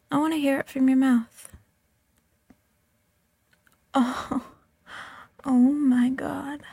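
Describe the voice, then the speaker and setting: Woman, high voice, very slow, teasing whispered roleplay, close-miked and dry. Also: creaky, warm tone, husky, no room sound. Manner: teasing, coaxing, mostly whispered. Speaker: audio roleplay performer.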